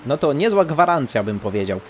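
A man's voice: mid-range voice, sing-song, brisk. A man, giving chatty, slangy, casual let's play commentary on a headset. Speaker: gaming streamer. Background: game music.

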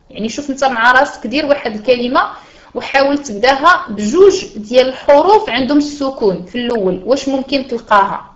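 A woman's voice: on the high side, lo-fi sound. A woman teacher with a Moroccan Arabic accent gives a reading lesson in an online voice room. She explains step by step, switches between formal Arabic and dialect, and asks her listeners rhetorical questions.

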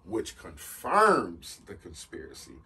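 A man's voice: on the low side, huge pitch swings, slow pace, sharp tone. A man co-hosting a podcast, chatting casually in a laid-back, rambling way with many fillers. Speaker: podcast co-host. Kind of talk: casual chat. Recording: distant mic with faint noise.

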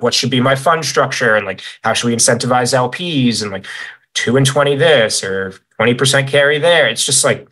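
A man's voice: medium pitch, low-quality recording. A man hosting an online conference over a video call, talking energetically with lots of "like"s, a little out of breath. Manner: energetic, filler-heavy with many "like"s. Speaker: conference host. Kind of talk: casual conference talk.

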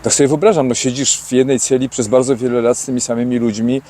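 A male host interviewing a guest outdoors, asking measured, reflective questions. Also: medium pitch, fairly even intonation, mellow. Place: outdoors by a street.

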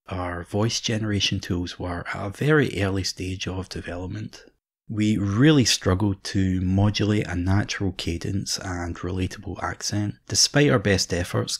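A man narrating a scripted mock documentary in a measured, deadpan way. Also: sits low, husky.

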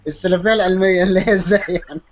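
A man with an Egyptian Arabic accent speaking as a guest in an online panel discussion over an internet call. He talks briskly, with a mocking edge. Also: high-pitched, steady tone. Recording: dull lo-fi call audio.

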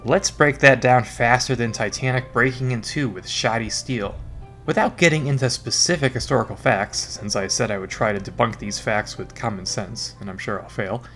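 A man's voice: medium pitch, normal speed, a bit bright, faint music behind. A man narrating a scripted history lesson in an informal, wry and sarcastic way. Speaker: history educator.

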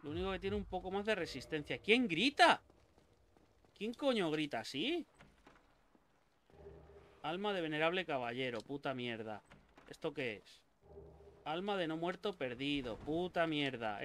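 A young man with a Spain Spanish accent giving let's play commentary, excitable and swearing a lot as he talks to the game characters. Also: on the high side, a little slow, long pauses, slight background noise. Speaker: gaming YouTuber.

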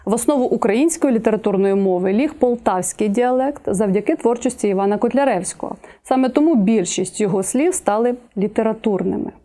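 A young woman teacher walks through an exam-prep lesson in a measured, methodical way, listing her examples one at a time. Her voice sits slightly high, and its tone is warm and mellow rather than bright. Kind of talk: exam-prep video lecture.

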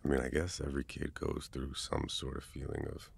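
Very deep gravelly man, whispered role-play. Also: flat delivery, a little fast. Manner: casual, swearing, teasing then gently comforting. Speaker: ASMR boyfriend role-play performer.

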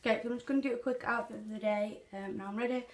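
A woman's voice: a little high, fairly even intonation, rapid-fire. Teenage girl vlogger wearing retainers. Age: teens. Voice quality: wearing clear plastic retainers. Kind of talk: casual vlog chat. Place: small bedroom at home. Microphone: handheld phone camera at arm's length. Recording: phone recording with faint noise.

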